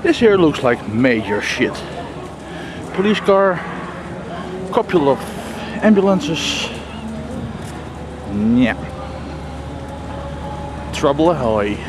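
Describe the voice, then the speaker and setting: With a fairly high voice that swings widely in pitch, this man talks slowly with long pauses, giving wry, casual vlog commentary on what he sees. Holding the camera himself on busy city streets, he's recorded with clear traffic and street noise around him.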